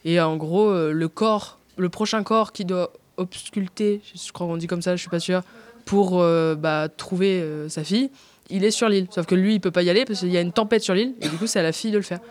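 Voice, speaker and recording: Brief: woman guest, casual chat, halting delivery full of fillers and trailing "and so on"s. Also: on the low side, darkish tone. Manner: hesitant, many fillers and restarts; tacks on "and so on" often. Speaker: interview guest.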